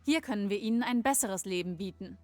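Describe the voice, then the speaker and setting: A woman's voice: medium pitch, fast talker, no room sound, faint music behind, lightly acted. A woman playing an earnest, caring park staff member in scripted video game dialogue.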